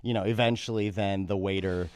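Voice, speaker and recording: A man telling stories in a casual podcast conversation, animated, with many restarts and fillers. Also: deep voice, fairly quick, smooth, dry recording, studio quality. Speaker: podcast guest, magician.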